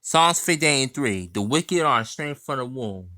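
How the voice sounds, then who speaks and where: Bright, dry-voiced man citing scripture. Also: medium pitch, animated, normal speed, no echo. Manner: cites chapter and verse, reads passages aloud, insistent. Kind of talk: scripture quoting and commentary.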